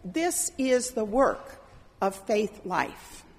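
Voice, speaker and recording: A middle-aged woman pastor giving a sermon in a church, telling stories in an animated way and acting out the voices of the people she quotes. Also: medium pitch, drawn-out words. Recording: reverberant church hall.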